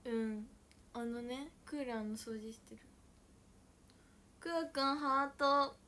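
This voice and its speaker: A young woman chatting casually on a livestream, playful and mock-dramatic, sometimes dropping to soft murmurs. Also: high voice, slow. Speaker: idol livestreamer. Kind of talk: casual livestream chat with viewers.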